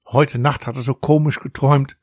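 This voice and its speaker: A man voicing a caring, slightly worried mother in a children's audiobook, speaking gently. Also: medium pitch, steady tone, normal speed, no echo, studio quality, lightly acted. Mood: concerned. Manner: gentle, concerned.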